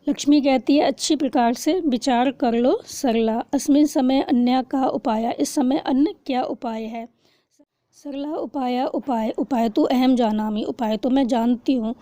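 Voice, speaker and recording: A woman's voice: high voice, dark tone, no room sound. A woman teacher reads a textbook lesson aloud, one phrase at a time, and explains each word after reading it.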